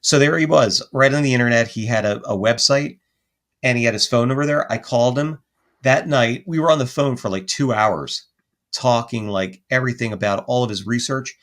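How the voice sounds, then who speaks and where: On a podcast, a male guest who investigates the paranormal tells a story with animated, rambling energy, correcting himself along the way. His voice sits in the mid-range and moves a little fast.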